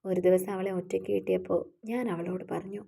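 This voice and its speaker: Woman narrating a love story, dark mellow voice, bit of gravel. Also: fairly low pitch, little pitch movement, brisk. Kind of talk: scripted narration.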